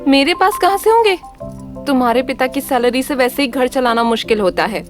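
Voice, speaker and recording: A woman's voice: high voice, lively intonation, fairly quick. A woman dubbing a firm, scolding middle-aged mother. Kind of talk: Hindi film dub. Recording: dubbed film with music underneath.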